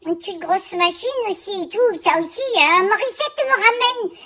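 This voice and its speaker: A woman's voice: very high-pitched, animated, normal speed, bright, forceful tone, exaggerated voice. A woman voicing a chatty, fussy female character in a comic vlog, who grumbles and pads every phrase with the same little word. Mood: excited.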